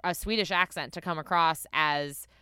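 A woman's voice: sits low, moderate pace, sharp tone, clean tone, no echo, studio quality. A woman co-hosting a podcast, talking in a casual, rambling way with many restarts and fillers. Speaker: podcast co-host. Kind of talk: casual chat.

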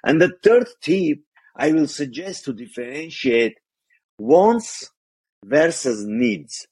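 Speaking slowly with big pitch swings, this man has a somewhat high, creaky voice, darkish in tone with a breathy edge and no echo. He's from Armenia, accented accordingly, and guests on an interview podcast as a financial coach, walking carefully through money tips in slightly non-native phrasing.

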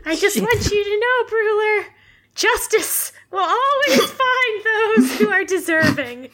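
A woman's voice: extremely high pitch, expressive, slow pace, sharp tone, voice pushed up, exaggerated voice. A woman voicing a righteous revolutionary comrade in a tabletop game, melodramatic and mock-solemn. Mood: mock-solemn, vengeful. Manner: grandiose, melodramatic farewell speech.

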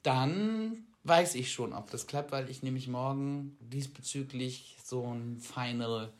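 A man co-hosting a casual chat podcast, telling stories in a lively way that swings between loud and quiet, with self-deprecating asides. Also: mid-range voice, slow. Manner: animated storytelling, jumps between loud and quiet. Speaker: podcast co-host.

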